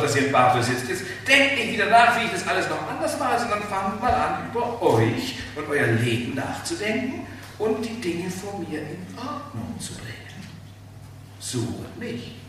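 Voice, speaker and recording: A man preaching a sermon, emphatic and animated, asking the listeners rhetorical questions. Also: high-pitched, recorded from a distance. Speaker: pastor. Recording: very echoey hall, speaker off-mic, faint room noise.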